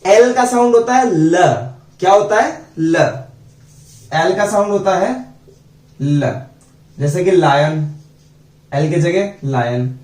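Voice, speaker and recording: A man teaching phonics, slowly drilling letter sounds and quizzing his students. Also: high voice, darkish tone. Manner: slow, repeats sounds and asks students questions. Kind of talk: phonics lesson. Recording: echoey room, voice from a distance.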